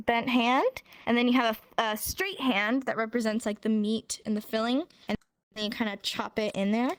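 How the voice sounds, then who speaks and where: An American woman teaching a casual sign language class, upbeat and encouraging, laughing often. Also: on the high side. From United States. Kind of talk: casual live class in a virtual world.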